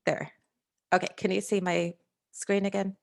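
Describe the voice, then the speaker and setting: A woman scientist presenting slides over a video call, talking in a halting way with frequent fillers and restarts. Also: medium pitch, little pitch movement, gravelly. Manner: hesitant, many fillers and restarts. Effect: heard over a video call. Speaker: scientist presenting a working-group overview.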